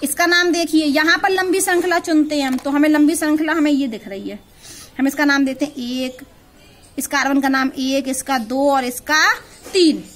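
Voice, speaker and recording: High-voiced woman teaching chemistry. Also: moderate pace, a bit bright. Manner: asks questions and answers them herself, repeating key words. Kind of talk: classroom-style lesson.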